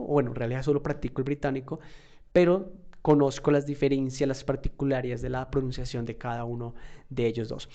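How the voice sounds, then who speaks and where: A man with a mellow, warm voice gives an online English lesson. He talks conversationally, repeating himself and using fillers. He often checks in with the listener through short questions. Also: mid-range voice. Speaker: English teacher.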